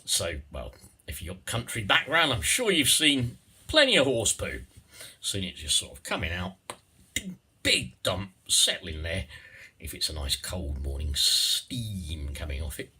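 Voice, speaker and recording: A man with a very raspy, forceful voice rambles through a satirical monologue. His pitch leaps about dramatically as he digresses, repeats himself and adds little tag questions. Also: big pitch swings, a little slow.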